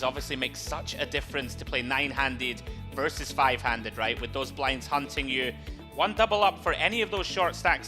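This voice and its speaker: A man co-commentating a poker tournament live, giving conversational analysis in wry, wordy turns of phrase over music. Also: medium pitch.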